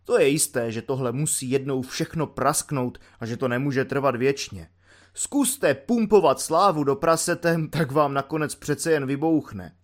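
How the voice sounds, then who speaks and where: A man's voice: medium pitch, natural voice. A man voicing a bitter, mocking young army volunteer locked in a cell, ranting sarcastically. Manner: sarcastic ranting, spits out insults. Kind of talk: audiobook character voice.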